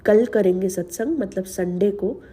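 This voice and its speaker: Woman host, devotional testimony, slow and earnest, dark husky voice, slight sore throat. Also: mid-range voice. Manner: slow, earnest, mixes English words into Hindi. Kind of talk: personal testimony to a spiritual audience.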